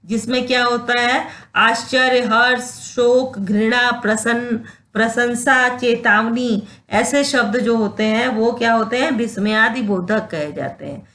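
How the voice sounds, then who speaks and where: Slow, patient woman teaching grammar. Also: on the high side, a bit bright. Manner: explains slowly, reads out example sentences and checks understanding. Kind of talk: classroom grammar lesson.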